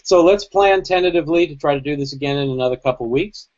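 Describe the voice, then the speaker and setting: This tech podcast co-host, talking over a video call with dull lo-fi audio, has a slightly high voice with a darkish tone and a quick pace. His casual contributions run long and rambling, peppered with asides.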